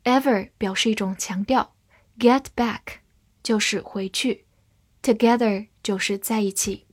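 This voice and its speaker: A woman English teacher giving a scripted vocabulary lesson, spelling each word letter by letter and reading example sentences slowly. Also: medium pitch, dry recording, studio quality.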